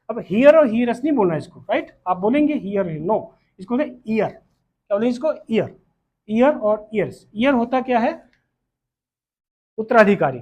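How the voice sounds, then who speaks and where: High-voiced Indian man teaching grammar. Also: a little mellow. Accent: Indian English. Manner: repetitive, questioning, checks understanding often. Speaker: English teacher. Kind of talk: classroom lesson on grammar. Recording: dull lo-fi sound.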